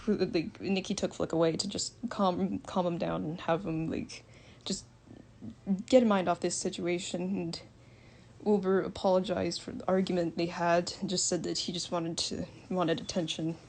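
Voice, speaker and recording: A woman's voice: lowish voice, little pitch movement, normal speed, gravelly, darkish tone, a little hiss or hum. Rambling young woman telling game lore. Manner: rambling, with frequent fillers and swearing. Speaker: storyteller. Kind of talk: casual retelling of game roleplay lore.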